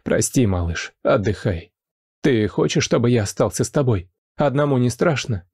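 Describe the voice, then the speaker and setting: A man's voice: mid-range voice, lively intonation, normal speed, darkish tone, breathy edge, no echo, clean studio sound. Man doing an emotional, stern wealthy father. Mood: anxious, tender. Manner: emotional, demanding.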